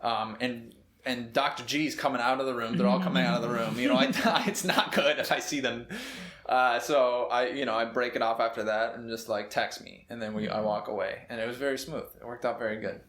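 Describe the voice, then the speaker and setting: A man's voice: medium pitch, fairly even intonation, a little fast, fairly bright tone. A man in his twenties, a medical student from Minnesota, telling a long story in a casual, rambling way with lots of fillers. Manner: laid-back, rambling with many fillers and laughs. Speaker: medical student, podcast co-host. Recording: echoey room.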